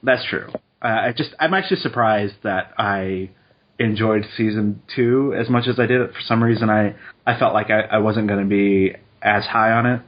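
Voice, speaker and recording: A man co-hosting a podcast in casual chat, relaxed and quick with asides. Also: lowish voice, lo-fi sound. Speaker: podcast co-host. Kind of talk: casual chat, reading statistics aloud.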